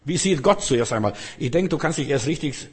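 A man's voice: on the high side, animated, fairly quick, breathy edge. A man preaching a sermon, addressing listeners directly with emphatic repetition.

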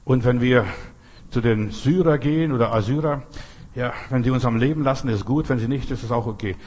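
A man's voice: mid-range voice, a little fast, darkish tone. A man preaching an emphatic sermon, asking the listener rhetorical questions and driving his points home.

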